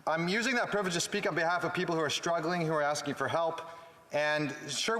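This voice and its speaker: Bright-voiced Canadian man speaking in an echoey parliament. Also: fairly high pitch. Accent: Canadian English. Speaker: member of parliament. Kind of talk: parliamentary speech. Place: large indoor legislative chamber. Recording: echoey chamber with long reverb.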